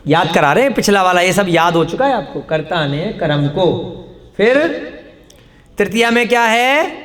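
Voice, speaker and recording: A man's voice: high voice, expressive, normal speed, a bit bright. A man teaching a classroom lesson, quizzing his students with repeated questions and answering them himself. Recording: long hall reverb.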